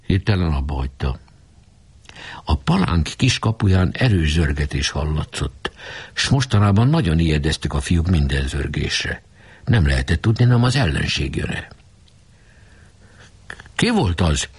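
A man reading a novel aloud with expressive storytelling. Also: very deep voice, breathy edge. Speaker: audiobook reader. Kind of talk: scripted narration.

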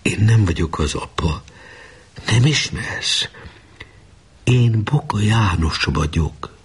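A man voicing a calm, gentle boy leader who speaks quietly in a storybook reading. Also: lowish voice, breathy edge, voice pushed up, exaggerated voice.

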